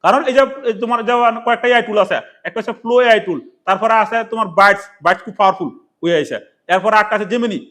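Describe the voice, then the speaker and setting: A man talks through a casual how-to lesson in a high, bright-sounding voice. He races along at a very quick clip, repeating himself and posing questions that he then answers. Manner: rambling, repetitive, asks and answers his own questions. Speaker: tech tutorial presenter. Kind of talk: casual spoken tutorial.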